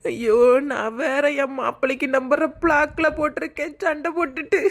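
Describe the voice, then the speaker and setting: A woman's voice: high-pitched, moderate pace, creaky, a bit bright. A woman voicing a panicky middle-aged village mother-in-law, wailing and scolding her kidnappers. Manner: wailing, scolding, rambling complaints.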